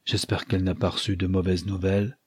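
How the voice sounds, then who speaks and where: A man voicing an awkward young gentleman who stammers hesitantly in an audiobook. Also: low-pitched, flat delivery, fairly quick, husky, dry recording, studio quality. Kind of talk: audiobook character voice.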